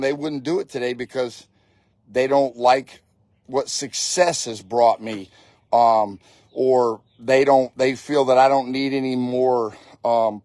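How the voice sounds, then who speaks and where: A man in his late forties talks straight to the listener in a blunt, off-the-cuff motivational style, cussing and hammering his points home by repeating them. His voice sits at an ordinary pitch for a man, and the recording is dry and close with little room sound. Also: a little mellow, no echo. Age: 40s. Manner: blunt, swears freely, repeats for emphasis. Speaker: fire service instructor. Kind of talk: casual motivational talk.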